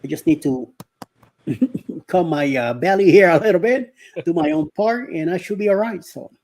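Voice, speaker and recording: A middle-aged Miami man hosts a casual live stream, his voice high-pitched with a darkish tone and a normal pace. He rambles and hesitates, filling gaps with lots of fillers while greeting viewers by name.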